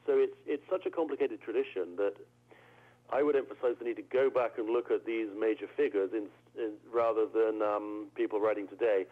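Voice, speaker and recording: British theologian guest, low voice, keeps repeating words as he thinks, sounds like over a phone. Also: steady tone, brisk. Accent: British English. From England. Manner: thoughtful, repeats words while searching for phrasing. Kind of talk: interview answers. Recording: narrow phone-like audio.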